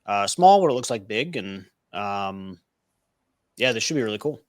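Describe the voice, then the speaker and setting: A man's voice: lowish voice, animated, moderate pace, no room sound. Friendly guy on a webinar call, jokes around, dry sound. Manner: friendly, joking. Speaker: webinar guest. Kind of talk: casual webinar chat.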